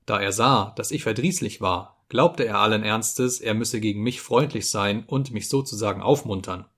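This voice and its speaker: A man narrating an audiobook in a measured literary reading. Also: lowish voice, a bit bright, slightly rough. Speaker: audiobook reader.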